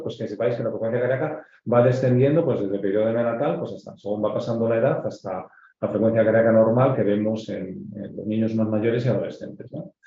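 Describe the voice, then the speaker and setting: A Castilian-accented man from Spain, a pediatric cardiologist, lectures medical residents in a medium-pitched, dark-toned voice. He explains things step by step, leaning on frequent filler words. The lecture audio sounds dull and echoey.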